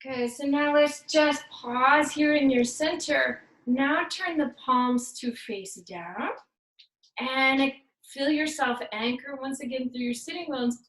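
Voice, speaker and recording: Recorded far off in an echoey room, a female fitness instructor gives guided workout cues. Her high, fairly bright voice moves slowly, and her cueing is upbeat and playful, sprinkled with Spanish words.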